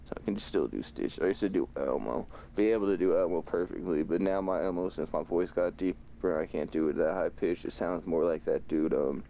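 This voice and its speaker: A man's voice: deep voice, vocal fry, dark tone, muffled recording, slight background noise. A young man streaming a game, chatting casually in laid-back slang and laughing often. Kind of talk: casual chat while gaming.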